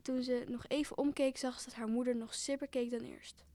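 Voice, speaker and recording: A young woman reads a homemade children's story aloud in a high voice. Her delivery is plain and earnest. The sound is close and dry, with no room around it. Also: fairly even intonation, brisk, mellow, no echo.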